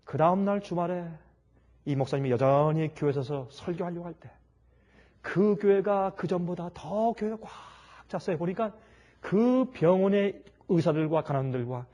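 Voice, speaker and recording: A man's voice: high-pitched, normal speed, mellow, dull audio. A man preaching a sermon, telling a story dramatically and acting out its people.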